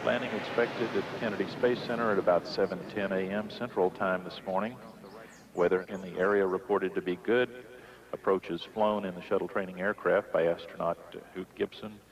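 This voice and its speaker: A man giving measured, factual mission control announcements over a radio transmission, with the odd filler. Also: low voice, steady tone. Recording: muffled radio audio with static noise.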